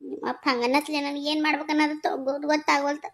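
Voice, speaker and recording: A woman's voice: high-pitched, flat delivery, racing, a bit bright. Woman voicing a fretful village mother. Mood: worried. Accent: North Karnataka Kannada. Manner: fretful, lamenting. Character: worried village mother, anxious and protective. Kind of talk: cartoon voice acting.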